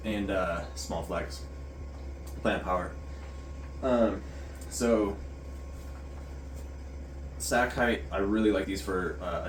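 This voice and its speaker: Very deep-voiced man in a roomy space. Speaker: running shoe reviewer and vlogger. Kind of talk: casual product review vlog. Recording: roomy, distant mic, faint noise.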